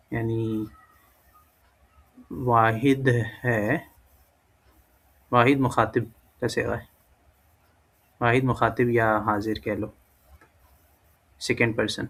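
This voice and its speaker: A man's voice: medium pitch, creaky. A man giving a casual language lesson, thinking aloud and correcting himself as he goes. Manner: thinks aloud, self-correcting, many fillers. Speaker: language teacher. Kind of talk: casual screen-recorded lesson.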